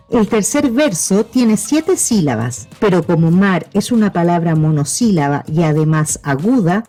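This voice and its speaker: A woman teacher reads a scripted lesson, explaining each point patiently and step by step. Her pitch sits in a middle register, and her intonation rises and falls with lively movement. Soft music plays faintly behind her.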